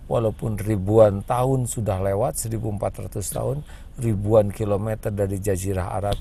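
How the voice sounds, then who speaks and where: A man preaching a parenting sermon to a webinar audience, gentle and conversational, now and then acting out a mother's pleading voice in a higher pitch. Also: vocal fry, a little hiss or hum.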